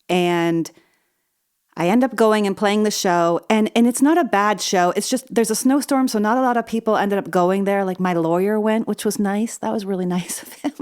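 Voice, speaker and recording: A woman hosting her own podcast, telling a personal story in a chatty, self-deprecating way that wanders off on tangents, slightly wheezy from asthma. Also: mid-range voice. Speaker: podcast host.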